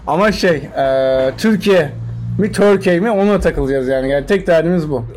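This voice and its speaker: A man's voice: a little high, moderate pace, darkish tone, slight background noise. A young man chatting casually as a podcast co-host, teasing and joking with his friend. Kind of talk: casual chat.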